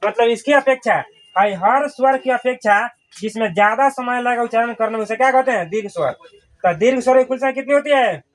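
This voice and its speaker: A man's voice: very high voice, brisk. A male teacher giving a classroom grammar lesson, asking questions and repeating the answers.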